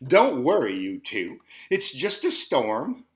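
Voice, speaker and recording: A man voicing a calm mother in a storybook, soothing her scared children. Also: mid-range voice, slow. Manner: soothing, reassuring. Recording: roomy echo.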